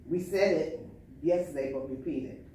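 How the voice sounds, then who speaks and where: A male trainer with a slightly high voice, heard from far off in a very echoey room. He coaches bluntly, pressing with repeated questions. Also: normal speed, mellow. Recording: echoey room, far from mic, faint noise.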